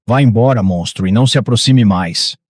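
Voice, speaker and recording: A man's voice: on the low side, fairly quick, dry recording, natural voice. Brief: scared young cheating girlfriend, read plainly by a male narrator, dry close mic. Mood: anxious. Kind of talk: recap narration quoting dialogue.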